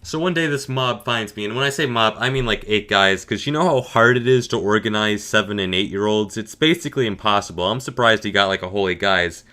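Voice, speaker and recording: A man telling a comic story as a YouTuber, animated, with dry sarcastic asides. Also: fairly low pitch, fairly quick, few pauses. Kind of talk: comedic storytelling.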